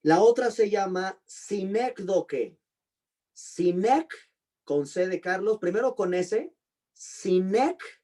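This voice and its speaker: A pastor giving an online Bible class, slowly repeating and spelling out terms and putting questions to his students. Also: high voice, lively intonation, warm tone. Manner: slow, deliberate spelling-out of terms. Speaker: pastor and teacher.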